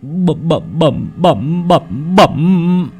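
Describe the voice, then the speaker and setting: A man's voice: fairly high pitch, big pitch swings, drawn-out words, a little mellow, slightly rough, faint music behind, voice pushed up, full character voice. A man voicing a terrified young male servant who stutters. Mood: frantic. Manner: stuttering, frantic.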